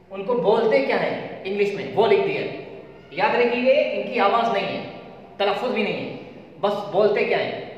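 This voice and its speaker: A man teaching English letters at a board, slowly repeating each letter several times. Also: high-pitched, fairly bright tone. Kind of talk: classroom lesson at a board. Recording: very echoey hall, far from mic, dull lo-fi.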